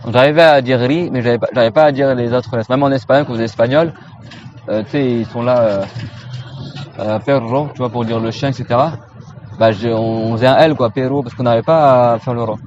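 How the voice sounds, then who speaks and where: A man from France teaching Quran recitation in a casual lesson, repeating each sound slowly and often checking in with his students. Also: medium pitch, a little mellow, muffled recording, a little hiss or hum. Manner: casual, familiar, checks in with "d'accord?". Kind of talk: informal pronunciation lesson.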